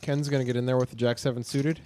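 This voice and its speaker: A man's voice: medium pitch, flat delivery, fast talker, mellow. A man co-commentating a poker game, breaking down hands in a dry, matter-of-fact way. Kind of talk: casual analytical commentary.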